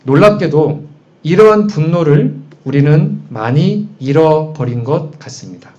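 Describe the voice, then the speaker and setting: In a slightly high, warm voice, an animated pastor preaches a little slowly, speaking conversationally and asking the congregation many rhetorical questions. The audio is dull and muffled.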